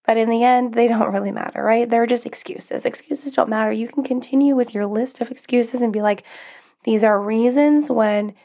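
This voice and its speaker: Speaking at a moderate pace in a warm, steady, slightly high voice, a young woman talks casually on her own podcast. As a life coach, she's cheerful and encouraging, with lots of little laughs and fillers. Her voice is still coming back after she lost it, so it's a bit strained and might crack.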